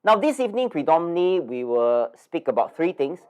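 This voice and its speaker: A man's voice: on the high side, big pitch swings, a little fast, darkish tone. A man hosts a live investing webinar, chatty and nasal, full of fillers and tag questions. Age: 50s. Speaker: investing course host.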